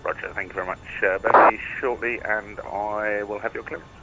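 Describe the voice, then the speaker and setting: Over a radio link with faint background noise, a man working as an air traffic controller gives procedural instructions. His voice is lowish and steady, and he speaks fairly quickly.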